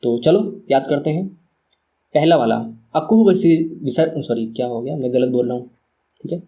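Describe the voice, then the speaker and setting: A male teacher giving a lesson, chanting short rhymes over and over and coaxing listeners to repeat, with quick asides between slow drills. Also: medium pitch, dark tone. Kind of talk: classroom lesson with chanted repetition.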